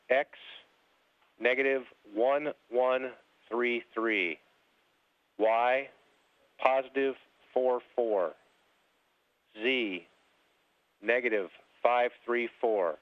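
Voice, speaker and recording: A man speaking as a mission control capcom over a space-to-ground radio link, relaxed and polite with precise number calls. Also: mid-range voice, very slow, pauses often, dry recording. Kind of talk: terse air-to-ground radio exchange. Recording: narrow dry radio loop.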